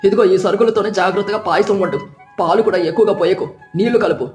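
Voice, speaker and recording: A woman's voice: mid-range voice, fast, pitched below the performer's own voice, lightly acted. A woman voicing a stingy village husband who grumbles and scolds. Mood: grumbling stingy. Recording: roomy, distant, with soft music.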